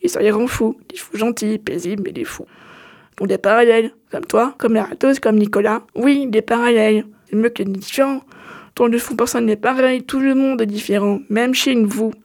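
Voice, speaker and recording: Calm, patient female guide to a hidden world, fairly high voice, read by a woman in her own voice. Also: moderate pace, close to an everyday voice. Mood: patient explaining.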